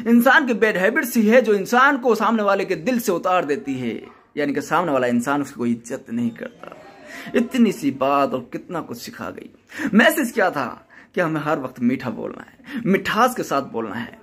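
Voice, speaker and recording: Male vlogger preaching life advice; husky, high-pitched, animated. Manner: earnest, repetitive preaching delivery. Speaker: YouTube channel host. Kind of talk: motivational talk to camera.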